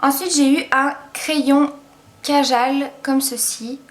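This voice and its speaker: A woman's voice: sits high, fairly even intonation, slow. A woman giving a casual makeup product review as a beauty vlogger, chatty and enthusiastic, with lots of hesitant fillers. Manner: enthusiastic, gushing about products.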